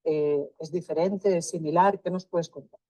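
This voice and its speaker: Low, dark-voiced woman interviewer. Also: fairly even intonation, dry recording, lo-fi sound. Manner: measured, rephrases questions at length. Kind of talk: research interview.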